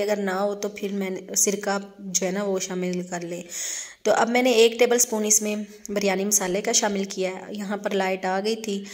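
A woman with a Pakistani Urdu accent, narrating a recipe step by step over her home cooking video as the channel's host. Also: medium pitch. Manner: steady step-by-step explaining with frequent fillers.

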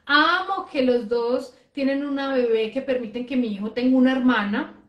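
Woman host, high voice, anecdotal chat, roomy echoey sound. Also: moderate pace, dull audio. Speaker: host, life coach. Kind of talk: casual chat.

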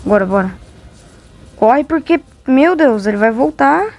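A woman's voice: high voice, animated, a little slow, a little mellow. A woman with a Brazilian accent giving casual, exclamatory, complaining commentary as a gamer playing along.

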